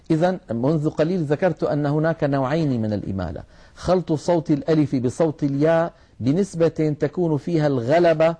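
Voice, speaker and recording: A man with a fairly high, mellow voice gives a religious lesson on recitation rules. He explains patiently to his listeners. He draws out single sounds slowly so they can copy them. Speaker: Quran recitation teacher.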